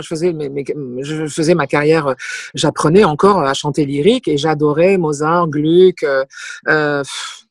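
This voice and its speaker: A woman's voice: sits low, no echo, clean studio sound. A middle-aged woman, a singer and comic performer, telling stories as an interview guest with emphatic repetitions. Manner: lively anecdotal storyteller with emphatic repetitions. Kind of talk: casual interview storytelling.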